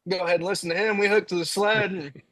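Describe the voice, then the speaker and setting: A man's voice: high voice, steady tone, quick pace, fairly bright tone, dry recording, poor audio. A young man from Indiana, a diesel truck racer on a podcast, telling a story in casual chat and acting out his own quotes.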